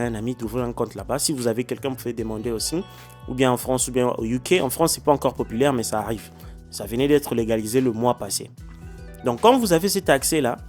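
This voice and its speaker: A medium-pitched man living in China explains social media monetization in a casual tutorial vlog with a screen demo, filmed indoors. English isn't his first language and he stumbles over words, with many fillers and restarts. He addresses viewers directly and keeps asking "ok?"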